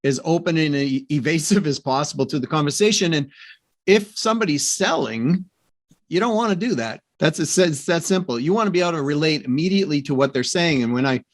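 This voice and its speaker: A man's voice: a little high, animated, brisk, no echo, studio quality. A middle-aged man hosting a podcast interview, telling stories in a chatty way with lots of asides and restarts. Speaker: podcast host. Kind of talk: casual interview chat.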